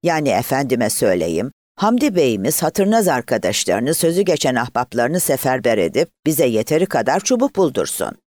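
A man voicing a sly, flattering village man with a wheedling manner. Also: mid-range voice, moderate pace, hardly any pauses, no echo, lightly acted.

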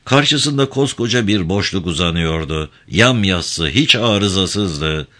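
A man reading a novel aloud in a dramatic, measured audiobook narration. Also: deep voice, lively intonation, bright, forceful tone.

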